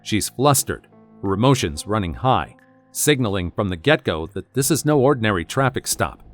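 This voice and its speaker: A man's voice: fairly low pitch, sing-song, moderate pace, faint music behind. A man reading a scripted narration with a wry, dramatic storytelling manner.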